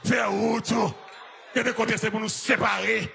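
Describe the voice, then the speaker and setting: A Haitian-accented male pastor shouts his sermon in a high, gravelly voice. He chants and half-sings repeated lines in call-and-response fashion. Loud live music and a congregation fill the church recording around him. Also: level tone, unhurried, some chatter behind. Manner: chanting, half-singing refrains. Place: church service.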